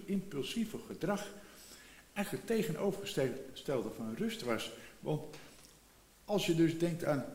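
A man's voice: on the high side, a little mellow, echoey room. A man in his seventies preaching a sermon in a reflective way, repeating phrases and rising for emphasis. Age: 70s.

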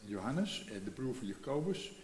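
A man's voice: mid-range voice, very animated, normal speed, a little mellow, a little hiss or hum. Man in his seventies, sermon, reflective, repeats phrases, echoey room. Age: 70s. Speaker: preacher.

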